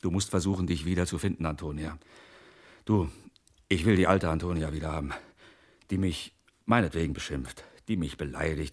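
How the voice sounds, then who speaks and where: An actor playing a jealous, desperate husband in a stage play, who swings between angry outbursts and stammering pleas. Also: male voice, rumbling low, husky. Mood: imploring. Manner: explosive and pleading by turns, stammering with many repeated "du". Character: jealous, desperate middle-aged husband, volatile.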